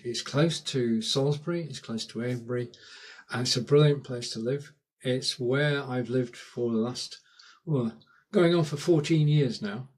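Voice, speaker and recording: A chatty man from Lancashire, England, with a husky mid-range voice and a Northern English Lancashire accent, hosts a casual live stream from home in rural England. He thanks viewers by name and drifts into rambling asides.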